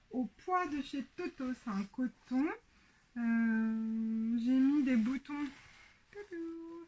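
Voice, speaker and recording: French woman chatting about her sewing at home, slow and halting, lots of ums, highish voice. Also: a little mellow. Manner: hesitant, many pauses and fillers. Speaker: sewing podcast host. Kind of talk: casual show-and-tell.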